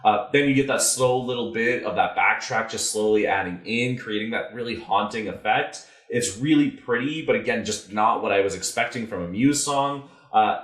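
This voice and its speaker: A man hosting a relaxed album review chat, with a fairly low voice that talks through each track steadily. The room around him is noticeably echoey. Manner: thoughtful, steady, leads the segments. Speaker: podcast host.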